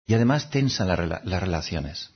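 Man, husky, lowish voice, calm reflective talk, dull lo-fi recording. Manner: gentle, unhurried, acts out little voices and laughs now and then. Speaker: speaker giving a talk on habits.

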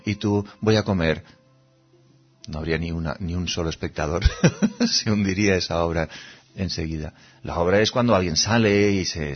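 Husky-voiced man from teaching meditation. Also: fairly low pitch, dull audio. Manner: conversational, asks rhetorical questions, acts out little scenes. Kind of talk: reflective spiritual talk.

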